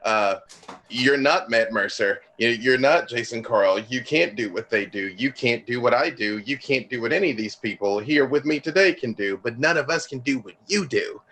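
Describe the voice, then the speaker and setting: A man's voice: medium pitch, normal speed, pushed and bright, a little hiss or hum. A man, a comic book writer, talking animatedly on a panel and acting out quoted voices. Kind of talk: lively panel discussion.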